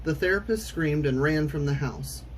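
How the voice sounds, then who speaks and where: A man reading a children's storybook aloud in an expressive, theatrical way with clear enunciation. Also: fairly high pitch, moderate pace, a little hiss or hum, low-quality recording. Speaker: storytime reader.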